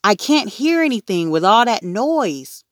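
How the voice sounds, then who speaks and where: A woman voicing an anxious boy of about nine who shouts and pleads urgently. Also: mid-range voice, very animated, a little slow, no room sound, studio quality, pitched above the performer's own voice. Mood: alarmed. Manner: urgent, rising to yells.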